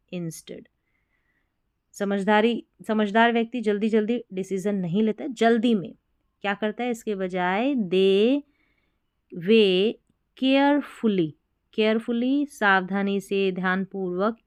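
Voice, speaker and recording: Female English tutor, Hindi accent, unhurried patient delivery, dry booth-like sound. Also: medium pitch, a little mellow, clear, resonant tone, no echo. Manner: spells words letter by letter and explains patiently. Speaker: English teacher. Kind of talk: slow spelling and pronunciation lesson.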